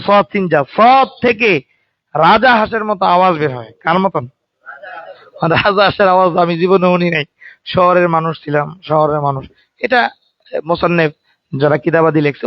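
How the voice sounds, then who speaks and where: High-voiced man teaching recitation. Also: dry recording. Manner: calls on students to answer aloud; colloquial, joking asides. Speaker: religious teacher. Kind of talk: Quran recitation lesson. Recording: dry, dull lo-fi sound.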